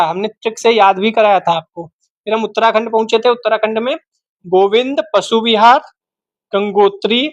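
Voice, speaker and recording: A man's voice: sits high, dry recording. A man teaching an exam-prep geography lesson, repeating each name several times and quizzing the listener as he goes. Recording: dull, dry, lo-fi home recording.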